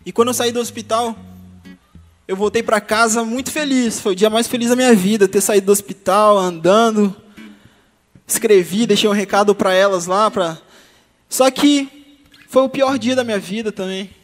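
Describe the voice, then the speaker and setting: A young man with a very high voice tells a church testimony in a lively, humorous way, often calling out to the congregation. His voice rings with the long reverb of a church hall, and soft guitar music plays behind him. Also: normal speed. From Brazil. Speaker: testimony speaker.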